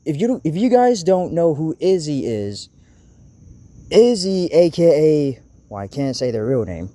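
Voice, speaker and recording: A young man hosting his own channel, ranting to camera in a halting way, stuttering and restarting his sentences. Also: on the high side, very animated, warm tone. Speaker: channel host. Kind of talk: casual vlog rant to camera. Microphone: camera mic.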